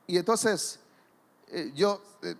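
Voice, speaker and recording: Male pastor, high voice, fervent sermon, long hall reverb. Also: takes it slowly, creaky. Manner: impassioned preaching that swells to loud emphasis. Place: church.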